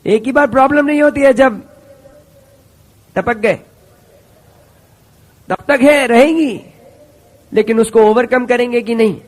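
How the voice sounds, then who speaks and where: A middle-aged man from India giving a lively motivational stage talk, speaking in short punchy phrases and asking the audience rhetorical questions. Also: very high-pitched, unhurried, pauses often. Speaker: business seminar speaker.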